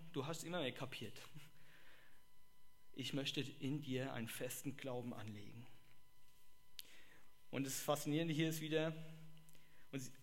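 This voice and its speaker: With a high, bright voice, a man preaches a sermon, speaking animatedly, breaking into exclamations and impersonating the people he quotes. His tone comes across sharp and forward.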